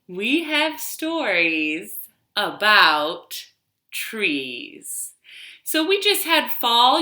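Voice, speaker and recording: In an echoey home living room, a librarian leads storytime for kids with a mid-range, pushed and bright voice. She uses a sing-song delivery, drawing out repeated words and giving easy, upbeat directions.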